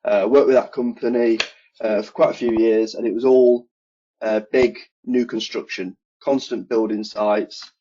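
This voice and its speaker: Over a video call from a room at home, a man in his thirties with an English Midlands accent describes his job as an air conditioning engineer. His medium-pitched voice is unhurried and relaxed, full of ums as he explains in detail. The lo-fi call audio sounds dull, with a little hiss or hum.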